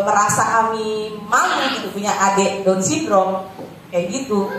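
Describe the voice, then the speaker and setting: A woman speaks to a room of parents in a relaxed, chatty way, her voice a little high for a woman. She sounds distant from the microphone, with strong echo and steady background noise. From Batak. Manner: conversational, acts out quoted mother. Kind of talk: informal workshop talk. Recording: echoey room, far from mic, noisy.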